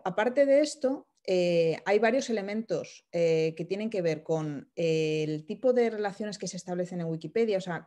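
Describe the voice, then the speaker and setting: A woman's voice: medium pitch, dark tone. A woman in her thirties on a video call, explaining things informally and thoughtfully, with many hesitations and restarts. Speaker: speaker at an online workshop. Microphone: video call, laptop camera close up.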